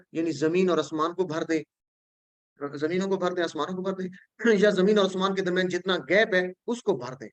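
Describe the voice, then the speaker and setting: A man's voice: fairly high pitch, no echo, lo-fi sound. Patient man teaching word meanings. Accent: Pakistani Urdu. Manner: patient, repeats each word and checks with "ٹھیک ہے جی"; recites prayer phrases slowly. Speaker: Quran teacher. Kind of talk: explaining word meanings to students.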